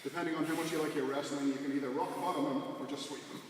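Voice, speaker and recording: A man's voice: a little high, fairly even intonation, very fast, crowd noise. Echoey, distant male martial arts instructor. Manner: short, clipped instructions. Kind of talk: hands-on class demonstration with casual explanation. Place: large echoey indoor training hall. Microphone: distant camera microphone. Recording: echoey hall from afar, clear background noise.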